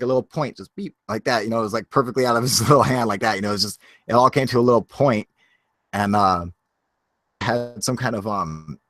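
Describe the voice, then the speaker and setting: A man's voice: on the low side, fairly bright tone, no room sound. A man telling a story in a casual, rambling way, full of fillers and frequent laughs.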